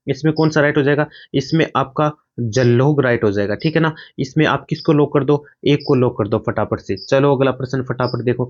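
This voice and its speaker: A man's voice: medium pitch, brisk, hardly any pauses, lo-fi sound. A man teaching an online exam-prep class, drilling through quiz questions at speed and answering his own questions.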